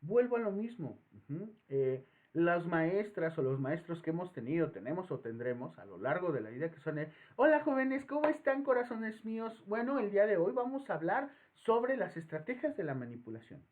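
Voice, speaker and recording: Casting: lively Mexican male lecturer, sweeping pitch, phone-quality sound. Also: normal speed, few pauses. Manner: animated, acts out voices in anecdotes. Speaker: psychology professor. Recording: tinny phone-like audio.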